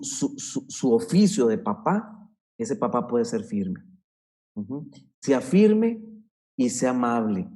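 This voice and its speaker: A man's voice: medium pitch, warm tone. Man teaching parents, earnest and emphatic. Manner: earnest, emphatic, repeats key points. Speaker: speaker on parenting.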